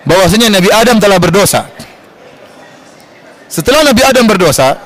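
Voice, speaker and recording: A man from Indonesia giving a religious study lecture in a large mosque, quoting scripture in a raised, animated voice. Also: high-pitched, low-quality recording. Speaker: Islamic preacher.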